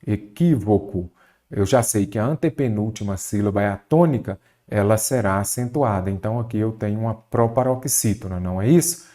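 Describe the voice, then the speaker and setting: A man's voice: lowish voice, fairly quick, hardly any pauses, dark tone. A man from Brazil teaching Portuguese for an exam, solving test questions and often asking rhetorical questions of his students.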